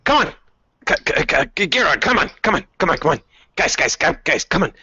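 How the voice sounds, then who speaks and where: A man voicing a bossy, excitable male goblin leader who barks hurried orders at his gang in a tabletop game. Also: fairly high pitch, slightly rough, dry recording, voice pushed up, full character voice. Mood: excited. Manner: shouty, hurried barking of orders. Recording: dull dry lo-fi recording.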